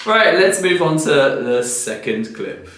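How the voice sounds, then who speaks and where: A man's voice: on the high side, big pitch swings, unhurried, background noise. Patient man in an echoey room. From Essex, east of England. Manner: patient, explanatory, playful. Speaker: quiz host explaining British slang. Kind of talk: casual teaching chat. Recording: very echoey room with faint music.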